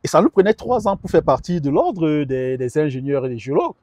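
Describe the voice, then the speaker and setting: A man's voice: on the high side, big pitch swings, a little fast, warm tone, dry recording. Earnest middle-aged man, dry close sound. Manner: earnest, repeats words while searching for them. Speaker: guest advisor on immigration. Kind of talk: conversational interview.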